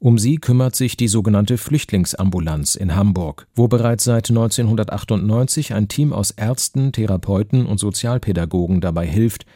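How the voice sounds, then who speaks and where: A man presenting a radio news feature, reading a scripted introduction in a calm, measured way. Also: fairly low pitch, dry recording, clean studio sound.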